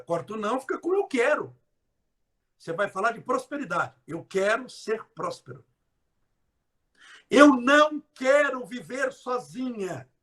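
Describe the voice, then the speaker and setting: A man gives a live motivational talk in a high, strongly swooping voice. He stretches key words for emphasis, breaks into loud bursts, and keeps teasing his listeners with direct questions. His melody rises and falls sharply throughout. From interior of São Paulo state, Brazil. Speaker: motivational speaker.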